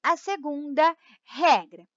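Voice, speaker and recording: A woman teacher with a Brazilian accent giving a grammar lesson, explaining slowly, repeating the rules, stretching key words and often checking in with her students. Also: sits high, dry recording, highs cut off. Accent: Brazilian Portuguese. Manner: keeps checking in with "tá?" and "ó". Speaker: Portuguese teacher.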